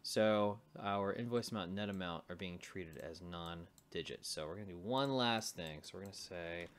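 This tutorial presenter speaks clearly at a normal speed, his low voice carrying a resonant tone. He works through code on screen informally, muttering and thinking aloud as he types.

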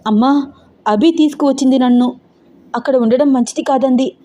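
Scared teen big sister, shaky trembly voice, pitched up, woman reading it. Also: normal speed, dark tone, close to an everyday voice. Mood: frightened. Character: frightened teenage elder sister.

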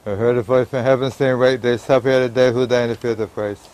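A man, a priest at a graveside, reciting a funeral liturgy in a solemn, measured, prayerful way. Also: mid-range voice, fairly even intonation, a little mellow, a little hiss or hum. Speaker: priest officiating a burial.

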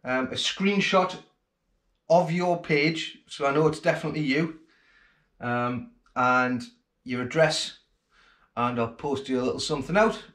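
A man's voice: on the high side, unhurried, long pauses, fairly bright tone. A man in his forties hosting a fishing channel, talking casually and gratefully to the camera at home. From England. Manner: chatty and grateful, plain-spoken. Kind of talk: casual vlog talk to camera. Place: home kitchen, then living room, indoors. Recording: roomy home acoustics.

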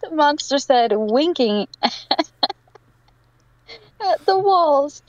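A woman's voice: sits high, expressive, very slow, lo-fi sound. A woman narrating a fan fiction aloud to friends, giggling through her reading.

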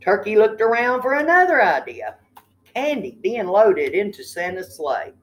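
An older woman with a medium-pitched, sing-song voice reads a children's picture book aloud at a moderate pace, full of expression. She is a read-aloud storyteller who adds chatty asides and asks her listeners questions. The room is indoors, with a tiled ceiling.

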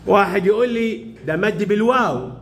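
Very high-voiced male teacher. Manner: brisk questioning, calls pupils by name and repeats their answers. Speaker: primary school teacher. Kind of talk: classroom lesson. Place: school classroom.

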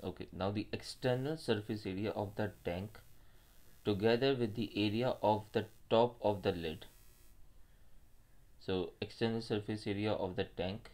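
Man, Pakistani accent, lowish pitch, maths tutor, step-by-step explanation, Urdu mixed into English. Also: moderate pace, a little mellow. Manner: mixes Urdu phrases into English. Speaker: maths teacher.

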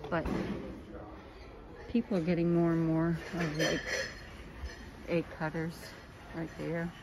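In a deep voice with completely flat delivery, a woman takes her time narrating a casual shopping vlog. She holds her phone camera while walking a large store, pointing out prices against noisy background sound.

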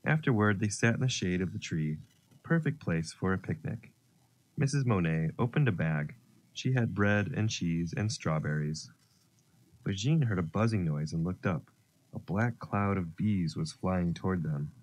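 A man narrating a children's story, gentle and expressive. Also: deep voice, moderate pace.

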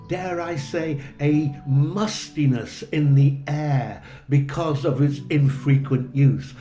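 A man narrating a tour of an old parish church in a measured, explanatory way, with gentle enthusiasm. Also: medium pitch, reverberant. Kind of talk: unhurried documentary narration.

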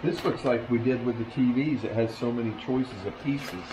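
A man's voice: mid-range voice, normal speed. A man cracking dry jokes while working on a door inside a house under construction. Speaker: builder. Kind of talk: joking work chatter. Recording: noisy job site.

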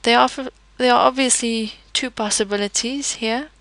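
A language teacher with a fairly high, fairly bright voice gives a slow, careful pronunciation lesson, patiently explaining each letter with example words. Her intonation is fairly even and her speed normal. The recording is low quality but has no room sound.

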